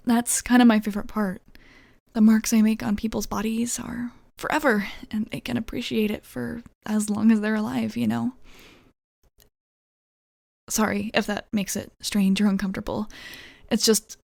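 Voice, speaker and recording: A woman playing a flirty, reassuring tattoo artist in a soft, casual ASMR role-play, slightly bashful and gently teasing. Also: fairly high pitch, level tone, normal speed, gravelly, no room sound, clean studio sound. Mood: earnest, soft.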